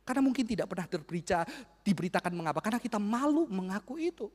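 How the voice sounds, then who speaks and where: A man preaching a sermon, telling emotional stories that swing from hushed to loud. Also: high-pitched, animated, rapid-fire. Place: church hall. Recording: hall reverb.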